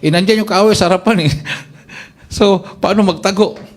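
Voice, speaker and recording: A man with a Filipino accent preaching a sermon, telling a testimony and acting out the voices of the people in it, his pitch jumping up on exclamations. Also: moderate pace. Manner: animated storyteller acting out quoted voices, pitch leaping up in exclamations.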